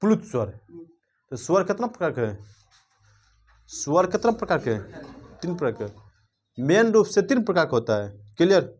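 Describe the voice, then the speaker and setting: A man teaching a grammar class, firing repeated questions at students and checking "clear?" often, sometimes drawling words out to show their length. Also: high-pitched, sing-song, moderate pace, long pauses, darkish tone.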